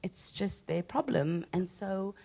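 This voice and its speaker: A woman's voice: medium pitch, animated, takes it slowly, gravelly, dark tone, slightly rough, lo-fi sound. A woman in her thirties speaking candidly as an artist on a panel, laughing lightly after serious points. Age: 30s. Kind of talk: panel discussion answer.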